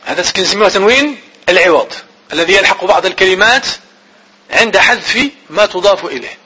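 A man teaching grammar in class, repeating definitions slowly as if dictating and asking his students questions he then answers himself. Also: high voice, expressive, bright, forceful tone, husky, rough recording.

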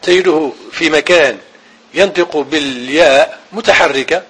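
A man teaching an Arabic grammar and Quran reading lesson, repeating each rule slowly and chanting the verses he quotes. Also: fairly high pitch, a bit bright, husky, poor audio.

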